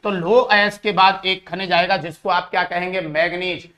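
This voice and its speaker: A man's voice: sits high, steady tone, moderate pace, sharp tone. A man teaching an exam-prep lesson who calls his students brothers and asks and answers his own questions.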